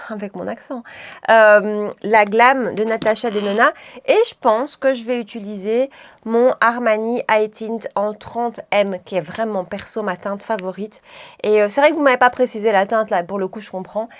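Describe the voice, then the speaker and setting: A woman chatting casually through a makeup tutorial, rambling and often correcting herself mid-sentence. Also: mid-range voice. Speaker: beauty vlogger.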